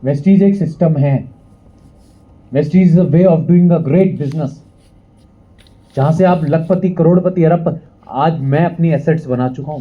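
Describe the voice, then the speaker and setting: A young man with a high voice works a seminar crowd, firing questions and making them echo his lines back. The sound is thin and tinny, like it came over a phone line. He keeps up a rousing, punchy delivery. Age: young adult. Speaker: motivational speaker. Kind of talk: motivational seminar speech. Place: event hall with a live audience.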